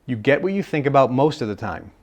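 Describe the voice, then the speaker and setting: A man's voice: medium pitch, big pitch swings, quick pace, darkish tone. A man speaking at a live self-help seminar in a conversational way, repeating phrases for emphasis.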